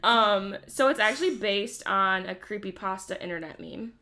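A woman's voice: mid-range voice, moderate pace, pushed and bright. Young woman, podcast co-host, casual chat, giggly, swears freely, mid-range voice. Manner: giggly, cursing, chatty storyteller.

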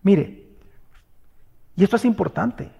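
A man preaching a sermon, firing off rhetorical questions and swinging between loud exhortation and hushed, tender passages. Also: high voice, takes it slowly, vocal fry, husky, lo-fi sound. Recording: long hall reverb.

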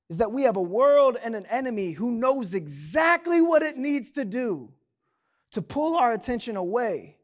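A man in his thirties preaching a sermon, telling a family story in a relaxed, slangy, conversational way. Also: very high-pitched. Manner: storytelling, conversational with slang and quoted kids' voices. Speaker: pastor. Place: church sanctuary.

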